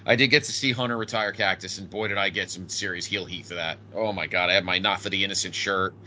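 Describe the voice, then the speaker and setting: A man's voice: low voice, fast talker, highs cut off, a little hiss or hum. A man talking casually and enthusiastically as a podcast host about retro wrestling, like an avid fan who swears freely. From northeastern United States. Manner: animated, profane, enthusiastic fan talk.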